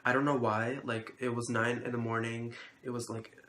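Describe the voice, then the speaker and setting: A young man tells a story straight to camera, rambling and loose, with "like" dropped into nearly every phrase and plenty of swearing. His voice sits at an ordinary middle pitch. The room around him rings with echo, and a faint ambient hum runs underneath. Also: flat delivery, normal speed, fairly bright tone. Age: young adult. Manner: rambling, heavy use of "like", profane, incredulous. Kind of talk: casual storytelling vlog.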